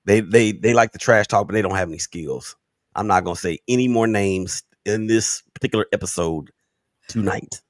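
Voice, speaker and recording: A man's voice: lowish voice, normal speed, no room sound, studio quality. A man co-hosting a panel chat, teasing and playful. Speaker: co-host. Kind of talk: casual chat.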